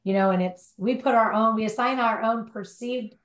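A woman's voice: fairly high pitch, normal speed. Woman with a roomy echo, saying "right?" often. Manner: talks in long run-on thoughts with many rhetorical "right?" tags. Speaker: guest, recovery life coach. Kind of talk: conversational interview. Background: dog barking at times.

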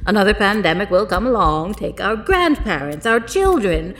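A woman's voice: medium pitch, big pitch swings, normal speed, a little hiss or hum. A woman playing a cackling ancient mad scientist. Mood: manic. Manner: cackling, swings between whispers and loud outbursts. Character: ancient demented female mad scientist, doting. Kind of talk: audio drama acting.

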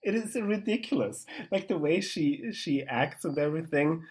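A man co-hosting a podcast, chatting casually with frequent laughter and halting, hesitant phrasing. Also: fairly high pitch, lively intonation, darkish tone, breathy edge. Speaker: podcast co-host. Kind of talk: casual chat about a TV show.

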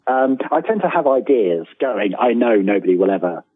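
A middle-aged British man with a husky, sing-song voice of medium pitch talks at normal speed as a casual interview guest. Self-deprecating, he often repeats words while telling anecdotes, heard over a thin, phone-like line with roomy echo.

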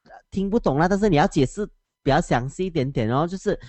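Animated teacher telling stories. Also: male voice, fairly high pitch, fast talker, dry recording. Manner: animated, laughs often. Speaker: schoolteacher. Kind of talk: casual storytelling on a call.

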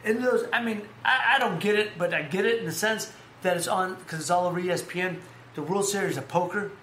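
A man hosting a casual sports chat, telling stories in a rambling, animated way with lots of fillers. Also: high voice, brisk, roomy sound, slight background noise. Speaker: podcast host.

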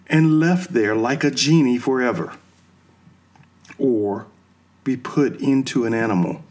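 A man with a mid-range, slightly mellow and somewhat rough voice thinks aloud in an unscripted monologue, posing questions to himself and answering them. He explains slowly and musingly, drawing on films and religion.

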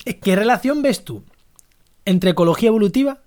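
Fast-talking manchego man hosting a podcast. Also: high voice, expressive, a little mellow. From La Mancha, Spain. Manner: eager, self-correcting. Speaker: podcast host. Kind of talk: casual podcast conversation.

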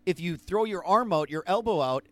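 A man's voice: sits high, expressive, normal speed, no room sound. A man co-hosting a postgame chat, retelling an argument with many restarts. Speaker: co-host. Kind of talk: casual chat.

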